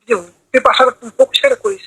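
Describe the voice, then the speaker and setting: A man's voice: extremely high pitch, wildly swooping pitch, very fast, creaky, bright, forceful tone, slightly rough, no room sound, low-quality recording. A man on a video call telling a long personal account, rambling and asking "entendeu?" after almost every phrase. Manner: rambling, repeats "entendeu?" constantly. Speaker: meeting participant.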